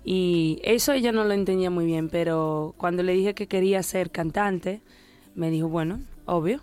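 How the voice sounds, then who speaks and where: A woman's voice: lowish voice, normal speed, darkish tone, clear, resonant tone. A woman in her twenties from the Dominican Republic, raised in Italy, chatting casually as a singer in an interview, laughing often and sometimes searching for words. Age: 20s.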